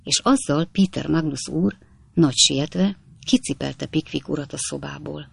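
A man narrating a classic novel in an audiobook, measured storytelling. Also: a little high, gravelly, slightly rough. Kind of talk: scripted narration.

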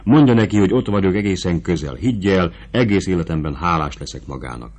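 A man's voice: low-pitched, lively intonation, darkish tone. A man reading the part of a proud, desperate duchess in an audiobook, in an urgent, intense manner. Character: proud desperate duchess, woman fearing for her nephew.

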